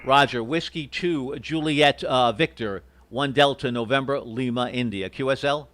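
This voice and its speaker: A man's voice: medium pitch, normal speed, fairly bright tone. A courteous, hesitant man operating an amateur radio station, spelling out call signs in phonetics.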